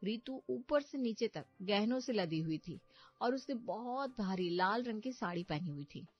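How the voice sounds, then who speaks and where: A woman giving scripted narration of a family story in an even storytelling manner. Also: mid-range voice, unhurried. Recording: muffled, faint background music.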